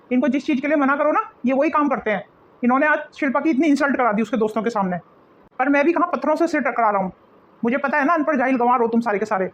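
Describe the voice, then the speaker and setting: A woman's voice: high-pitched, highs cut off, a little hiss or hum, close to an everyday voice. A woman acting an arrogant son who scolds his village family in a dismissive tone.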